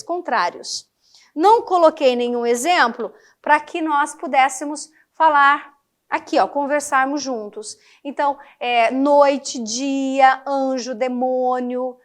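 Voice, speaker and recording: A high-pitched Brazilian woman teaches a class in a lively, emphatic way. She keeps asking her students whether they follow along. She sounds middle-aged. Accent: Brazilian Portuguese. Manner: lively, emphatic, checks in with listeners often. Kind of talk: classroom lecture on figures of speech.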